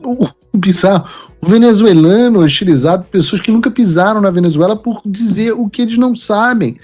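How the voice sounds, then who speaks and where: A man's voice: sits high, a little fast, a little mellow, faint music behind. A man hosting a political commentary show, talking in an emphatic, lecturing way.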